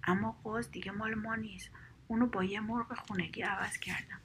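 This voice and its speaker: A woman voicing a gentle, trusting old husband in a whispered role-play, calm and cheerful. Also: high-pitched, gravelly, slight background noise.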